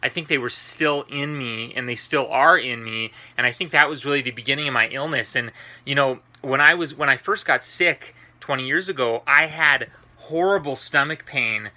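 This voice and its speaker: Male vlogger, worn out and under the weather, strikingly sharp bright voice, mid-range pitch, informal chat from inside a compact RV. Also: moderate pace. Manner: informal, rambling, earnest. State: tired and unwell. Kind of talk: casual talk to camera, personal health update. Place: inside a parked RV, small enclosed trailer space.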